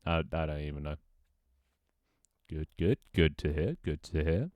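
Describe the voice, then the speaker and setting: A very deep, darkish, unhurried male voice comes through a dry recording. The young man is streaming a game, casually chatting with viewers and narrating his own setup in a rambling way, with frequent restarts and laughs.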